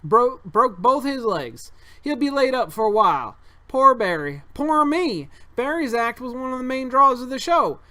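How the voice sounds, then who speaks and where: A man's voice: high-pitched, very animated, slow pace, sharp tone, pitched above the performer's own voice, exaggerated voice. A man reading a board game aloud, voicing a boastful middle-aged male circus owner in a folksy, bragging put-on accent.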